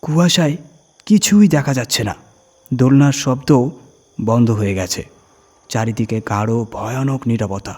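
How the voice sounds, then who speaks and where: A husky-voiced man with a mid-range, somewhat dark tone tells a scary story in the first person, using slow, deliberate phrasing and dramatic stresses to keep the suspense high.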